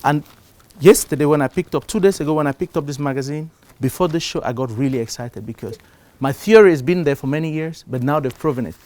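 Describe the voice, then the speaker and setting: A middle-aged man from Cameroon giving a live talk to a conference audience. He gets louder to stress his points, then drops down again. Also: fairly high pitch, quick pace, few pauses. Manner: animated, shifts loudness for emphasis. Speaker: conference speaker. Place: conference stage before an audience.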